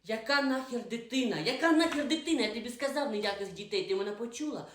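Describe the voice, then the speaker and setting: A woman doing a gruff drunken husband in a roomy echo. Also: a little high, fast talker, close to an everyday voice. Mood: angry. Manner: bossy, threatening, curt.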